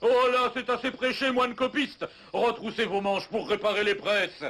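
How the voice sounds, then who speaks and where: High-voiced boisterous cartoon giant. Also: male voice, steady tone, moderate pace. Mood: hearty. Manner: bellowing colourful threats and taunts. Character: brash, boisterous male giant hero, cheerfully combative. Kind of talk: French animated cartoon voice acting. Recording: lo-fi VHS cartoon soundtrack, loud music.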